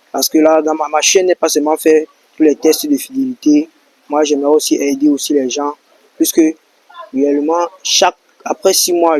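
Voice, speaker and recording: A man's voice: fairly high pitch, a little mellow, dry recording, rough recording. A man hosting an interview who talks reassuringly and addresses viewers directly. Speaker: YouTube channel host.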